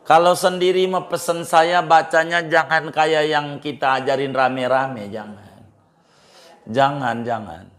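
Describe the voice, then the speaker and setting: A middle-aged man, a cleric giving informal religious advice, repeating phrases for emphasis and jumping in pitch. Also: steady tone, a little slow, a bit bright. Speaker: Islamic cleric.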